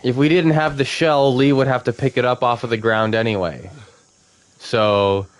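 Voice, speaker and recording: A man's voice: medium pitch, steady tone, moderate pace, background noise. A man giving casual, rambling gameplay commentary as a let's play host, full of fillers and easy laughs.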